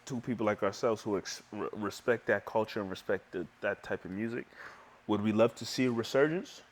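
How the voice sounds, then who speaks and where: A man's voice: on the low side, brisk. Easygoing man co-hosting a podcast. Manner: easygoing, reflective, emphatic. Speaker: podcast co-host. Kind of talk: casual podcast chat.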